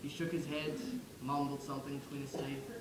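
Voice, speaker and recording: A man's voice: medium pitch, level tone, a little fast, echoey room, noisy background, natural voice. A man playing a wry young soldier's ghost. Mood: wistful. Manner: wry, conversational, addresses the listener directly. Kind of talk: theatrical monologue.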